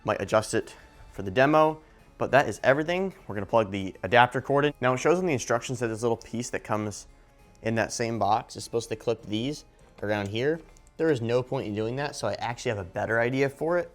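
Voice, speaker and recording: A man's voice: medium pitch, a little fast, faint music behind. A man giving a casual hands-on unboxing and review narration as a video host.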